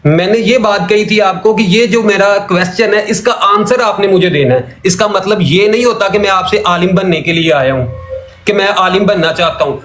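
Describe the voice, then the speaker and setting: A man's voice: high-pitched, a bit bright. A man calling in to a religious debate, arguing heatedly, laying out his points one by one and repeating them. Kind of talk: heated call-in argument. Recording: echoey room sound.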